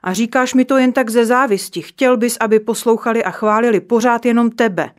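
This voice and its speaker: A cocky little dwarf boy from a storybook, bragging loudly and bristling at any criticism, as a woman puts him on. His voice leaps up high and goes loud when he insists he's right. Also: natural voice. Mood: boastful. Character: boastful stubborn little male dwarf. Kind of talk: storybook reading.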